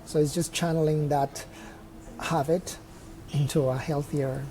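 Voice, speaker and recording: A man's voice: on the high side, fairly even intonation, a little slow, mellow. A young man from Mexico, a trail runner guest in a casual interview, talking openly and reflectively with restarts as he thinks. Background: faint chatter of people nearby.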